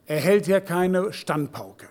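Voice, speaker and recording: A man preaching as a pastor, swinging from hushed, slow asides to loud, animated quoted voices. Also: high voice. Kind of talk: sermon.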